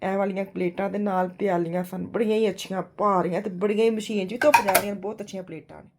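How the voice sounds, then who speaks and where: Brief: middle-aged Punjabi-accented vlogger woman, sore throat, soft chatty voice-over, slight gravel in the voice. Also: mid-range voice, steady tone, fast talker. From Pakistan. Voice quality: hushed, softly spoken. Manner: chatty, addresses viewers directly. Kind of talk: casual voice-over narration. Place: home kitchen.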